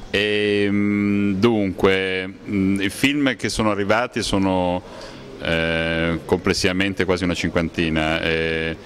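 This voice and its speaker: A man's voice: sits low, fairly even intonation, slow pace, a bit bright, slight background noise. A man giving hesitant, spontaneous interview answers about his work as a selector. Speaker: film selector being interviewed.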